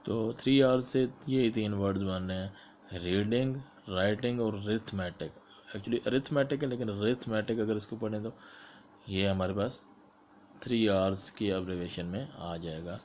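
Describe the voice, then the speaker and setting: Pakistani-accented man, a teacher explaining exam questions, lowish voice, faint noise behind. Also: a little mellow. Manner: explains step by step, mixing English terms into Urdu, reads questions aloud slowly. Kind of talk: explanatory exam-prep lecture.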